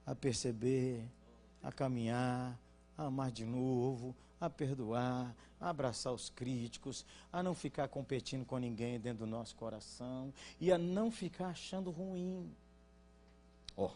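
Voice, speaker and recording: A man with a Brazilian Portuguese accent preaching at a conference, joking with the congregation and asking them to respond, then dropping into quiet, earnest teaching. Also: mid-range voice, a little slow, slight background noise. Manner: swings from loud jokes to quiet earnest teaching. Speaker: pastor. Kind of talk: conference sermon.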